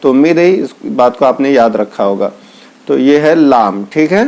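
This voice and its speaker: A man teaching Quran letter reading. He calls out each Arabic letter slowly and then explains patiently, with speech. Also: medium pitch, animated, darkish tone. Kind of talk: slow step-by-step lesson.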